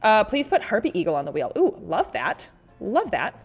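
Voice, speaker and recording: A woman's voice: medium pitch, wildly swooping pitch, moderate pace, husky. Playful, rambling woman livestreamer with music behind. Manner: playful, exclamatory, reads out comments and reacts; rambling, often self-interrupting. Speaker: livestream host and artist. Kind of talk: casual livestream chat with viewers.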